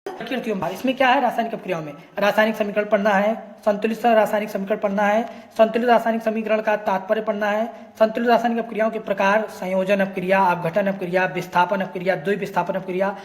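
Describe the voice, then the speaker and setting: A woman teacher goes through a syllabus point by point, often asking a question and then answering it herself. Her voice sits at an ordinary middle pitch. The room around her gives it a clear echo. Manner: reads topic lists one by one. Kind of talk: syllabus walkthrough lesson. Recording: echoey room.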